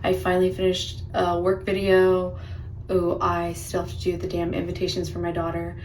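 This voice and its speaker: Rambling low-voiced woman vlogger. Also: completely flat delivery, moderate pace, a little mellow, slight background noise, rough recording. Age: early 30s. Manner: rambling, conversational, frequent "like". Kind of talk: casual vlog chat. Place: indoors at home.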